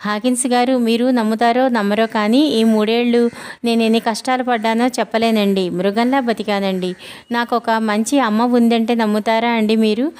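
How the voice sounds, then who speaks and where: A woman's voice: a little high, fairly even intonation, normal speed, darkish tone, close to an everyday voice. A woman reading a storybook, voicing a ragged old male pirate left alone on an island, humble and wheedling. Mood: pleading. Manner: humble, wheedling, keeps adding polite endings.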